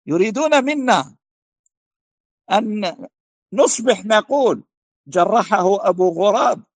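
A man speaking as a religious scholar, with a high voice that swings widely and rises to emphatic declarations. His tone is gravelly. He repeats rhetorical questions and stumbles over words, heard dry and close. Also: lively intonation, slow, dry recording. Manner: emphatic, rising to forceful declarations. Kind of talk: answering a question in a religious lecture.

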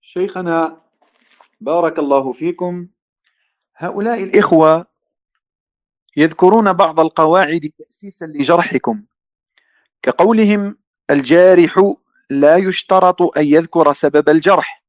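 A man asking a scholar a question in a formal, respectful way. His voice sits a little high. The recording is dull and lo-fi, and dry. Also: normal speed, pauses often, no room sound. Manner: polite, formal, addressing the sheikh respectfully.

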